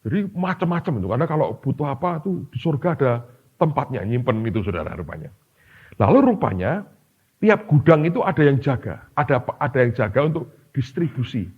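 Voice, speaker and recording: Animated pastor preaching. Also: male voice, medium pitch, fairly quick, breathy edge. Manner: animated storytelling, acting out voices in quotes. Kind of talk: sermon. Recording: dull lo-fi sermon recording.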